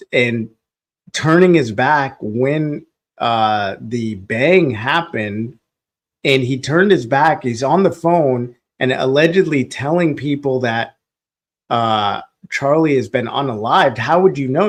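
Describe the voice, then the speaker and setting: Male stream host, casual and rambling, chuckles often, mid-pitched everyday voice. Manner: rambling, restarts often, laughs between phrases. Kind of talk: casual live reaction stream.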